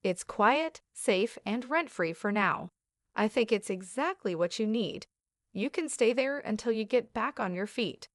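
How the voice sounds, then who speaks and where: Kind, gentle female friend, as a woman reads her. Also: on the high side, expressive, unhurried, no echo, studio quality. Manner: warm and gentle.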